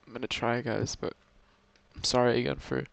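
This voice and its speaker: A young man in an emotional confessional vlog, talking to his subscribers in a halting way with many pauses and restarts, upset, sighing and close to tears. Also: medium pitch, flat delivery, creaky, no echo. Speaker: video creator talking to subscribers.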